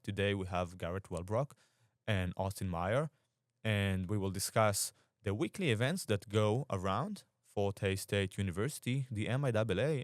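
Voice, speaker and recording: A man's voice: on the low side, no room sound, studio quality. A young man in his twenties hosting a college sports podcast, reading a scripted intro and then asking questions conversationally. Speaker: podcast host.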